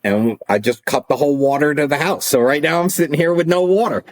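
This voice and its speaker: A middle-aged man, once an attorney and now a coach, talks casually in a podcast interview with a fairly high-pitched, fast voice. He is animated, acting out phone calls and arguments as he tells stories.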